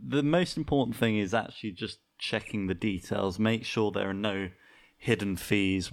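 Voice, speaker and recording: Brief: male co-host, slightly low voice, wry deadpan delivery. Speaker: podcast co-host. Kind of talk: casual chat.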